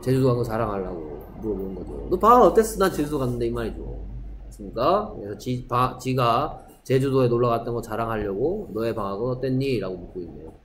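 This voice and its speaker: A male English teacher going through a textbook dialogue in a classroom lesson. He reads the English lines slowly and deliberately and keeps asking his students whether they follow. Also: on the low side, lively intonation, slight background noise.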